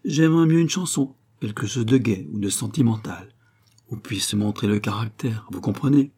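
Brief: man voicing enthusiastic theater manager, quick exclamations, raised pitch, mellow and husky. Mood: eager. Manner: eager, exclamatory, talkative. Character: enthusiastic middle-aged male theater manager.

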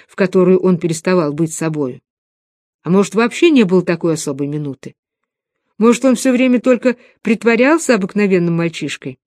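Woman calmly reading a novel. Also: fairly low pitch, no room sound, clean studio sound. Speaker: audiobook narrator. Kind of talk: novel narration.

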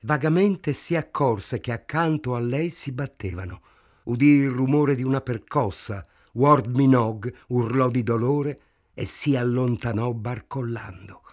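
A man reading a novel aloud in a measured, dramatic narration. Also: medium pitch. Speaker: audiobook reader. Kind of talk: scripted literary narration.

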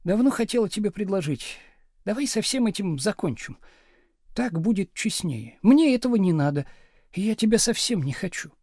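A bitter young wife in an audiobook, as a man reads her, pitched far above his own voice and biting off each complaint. Her scolding is sharp and scornful, and the dry, close reading leaves no room around her. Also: big pitch swings, moderate pace, dry recording, heavily acted. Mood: cold, weary. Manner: sharp, scolding, shouting at times.

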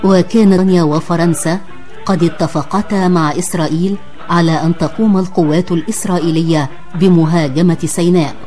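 An Egyptian woman reading a scripted radio documentary as a formal, measured narrator. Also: lowish voice, steady tone, mellow, faint music behind.

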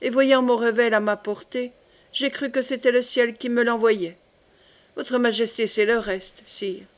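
A woman reading a calm, defiant young nobleman. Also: a little high, measured pace, lightly acted. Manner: calm, composed.

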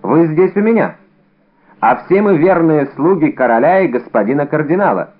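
A man's voice: fairly high pitch, animated, normal speed, pitched above the performer's own voice. Man voicing D'Artagnan, brash young musketeer. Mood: scheming. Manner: brash, theatrically loud. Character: bold clever young musketeer man, cunning. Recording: narrow phone-like audio band.

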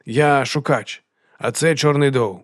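A man's voice: mid-range voice, measured pace, dry recording, studio quality, voice pushed up, close to an everyday voice. A man voicing an uneasy, terse male scout who says only what he must. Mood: wary. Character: wary small male scout. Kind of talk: audiobook character voice.

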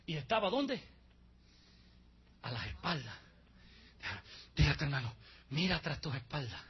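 A male pastor preaching a sermon into a handheld mic in a church, swinging between hushed passages and shouted climaxes. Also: a little high, big pitch swings, unhurried, husky, lo-fi sound.

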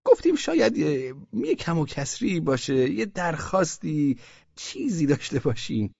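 A man's voice: big pitch swings, gravelly, darkish tone, no room sound, full character voice. A man voicing a flustered, evasive official in an audiobook, stammering and hedging. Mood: flustered insistence. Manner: stammering, high-pitched, pleading. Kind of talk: audiobook character voice. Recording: dull, dry audio.

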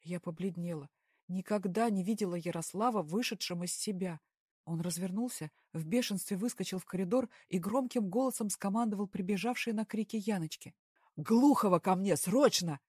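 A woman narrating a first-person story in a calm, even audiobook style. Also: medium pitch, brisk, husky, no room sound, clean studio sound.

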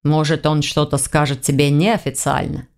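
A woman reading an audiobook, voicing a calm, decisive young man who leads the group in a low, measured voice. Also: creaky. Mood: earnest. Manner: low measured steady speech.

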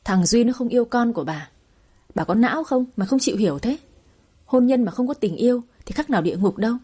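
A woman's voice: on the high side, dark tone, husky. A woman storyteller voicing an angry middle-aged husband who scolds his wife in a spoken audio story. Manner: reproachful, scolding.

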